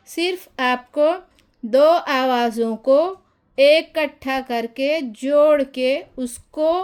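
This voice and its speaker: High-voiced woman teaching letter sounds really slowly, repeats every sound a bunch of times, talks straight to the viewers. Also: clean tone. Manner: slow, patient, repeats each sound several times; addresses viewers directly and encourages them. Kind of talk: phonics lesson for beginners.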